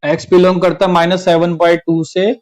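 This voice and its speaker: A man's voice: high voice, level tone, normal speed, a little mellow, poor audio. A man teaching a class-twelve maths lesson online, working through each step and repeating the key points. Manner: explains step by step, repeats each point, often says "theek hai".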